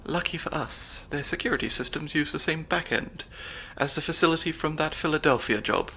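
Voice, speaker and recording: Fairly quick and a little high, this gravelly young man's voice carries a slight hiss or hum. He plays a nerdy, mildly anxious fill-in spy handler in ASMR audio, staying soft-spoken, analytical, and dryly funny.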